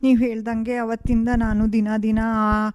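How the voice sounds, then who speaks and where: A woman's voice: mid-range voice, steady tone, measured pace, mellow, natural voice. An actress playing a young married woman who speaks with emotional, pleading urgency in a radio play. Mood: anguished. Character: desperate young married woman, daughter-in-law. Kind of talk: radio drama acting.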